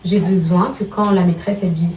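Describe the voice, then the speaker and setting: A woman's voice: on the low side, fairly even intonation, brisk, warm tone, distant mic. Tender mother in a roomy, noisy home. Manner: tender, heaps pet names on her children; chatty, addresses her followers as girls. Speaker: mother and vlogger. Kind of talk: casual vlog talk.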